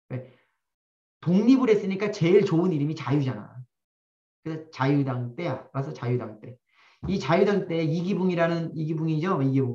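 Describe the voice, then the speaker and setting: A man giving a lecture to a live audience, blunt and animated, firing rhetorical questions at the room and slipping into slang. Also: on the high side. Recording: roomy, distant, dull-sounding.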